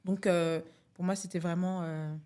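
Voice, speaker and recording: A woman's voice: on the low side, fairly even intonation, moderate pace, dark tone, clean tone. A middle-aged woman from France, speaking as a podcast guest, hesitant and full of fillers. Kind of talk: casual podcast conversation.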